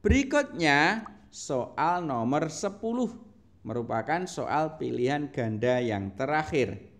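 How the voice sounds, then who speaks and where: Slow, patient male teacher. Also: fairly high pitch, sing-song. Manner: slow, patient, drawn-out reading with rising question tones. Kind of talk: reading quiz questions to pupils.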